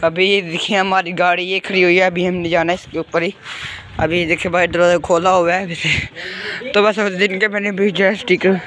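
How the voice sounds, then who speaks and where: A man's voice: high voice, level tone, moderate pace, a bit bright. A man from Pakistan with a Punjabi accent, chatting casually as he vlogs his farm work outdoors, rambling and repeating filler words. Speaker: vlogger. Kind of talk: casual farm vlog narration. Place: outdoors on a farm and road, windy. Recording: noisy outdoor phone recording.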